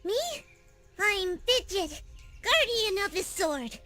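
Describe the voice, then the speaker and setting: A small, perky female creature from a fantasy video game. The voice is high and very lively in pitch, cutesy and bold. She chatters in a scatterbrained way over faint music. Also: takes it slowly, heavily acted. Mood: bold, indignant.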